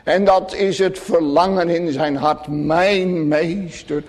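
A man preaching a sermon to his congregation, solemn and emphatic, often dropping to hushed tones. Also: a little high, fairly even intonation, slow pace. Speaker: pastor. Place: church. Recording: long church reverb.

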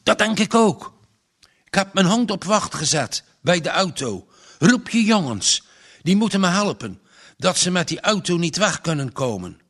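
A man's voice: sits high, sing-song, normal speed, a bit bright, pitched above the performer's own voice, heavily acted. A man reading aloud and voicing a determined villager who urgently raises the alarm at night.

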